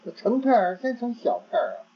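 A man giving a Buddhist dharma talk, halting and repeating words as he searches for phrasing. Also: extremely high pitch, breathy edge. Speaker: Buddhist teacher. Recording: dull lo-fi recording.

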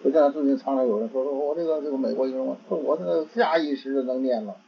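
A man giving a Buddhist dharma talk, halting and repeating words as he searches for phrasing. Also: medium pitch, vocal fry, a little hiss or hum. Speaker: Buddhist teacher. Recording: dull lo-fi recording.

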